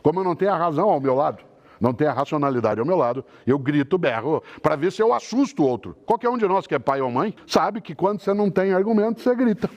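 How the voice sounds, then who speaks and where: A man's voice: fairly high pitch, animated, fast talker, darkish tone. A man giving an explanatory talk, building an emphatic, step-by-step argument. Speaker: lecturer.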